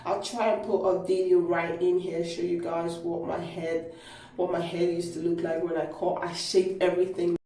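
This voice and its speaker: A woman vlogging about hair care from her bathroom, talking in a chatty, rambling way with lots of fillers, in a low-quality recording made on a phone. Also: level tone, normal speed, dark tone, echoey room, distant mic. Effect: low quality phone stream. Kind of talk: casual how-to vlog. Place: small echoey home bathroom. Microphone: mobile phone camera.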